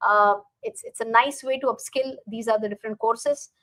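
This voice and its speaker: A woman with an Indian accent speaks in a fairly high voice. She hosts a live stream in a casual, instructive way, addressing viewers directly and often repeating short phrases. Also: steady tone, moderate pace, a bit bright, no room sound. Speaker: live stream host and finance teacher.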